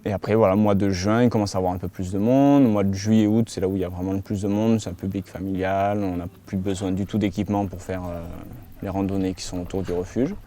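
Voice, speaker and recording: A man's voice: deep voice, fast talker. A man who keeps a mountain hut, speaking casually in an interview with many small hesitations. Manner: relaxed, hesitant with frequent fillers.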